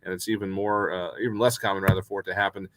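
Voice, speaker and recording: A man's voice: low voice, little pitch movement, fast, fairly bright tone, dry recording. A man hosting a hockey pregame show, chatting casually with many fillers. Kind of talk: casual sports chat.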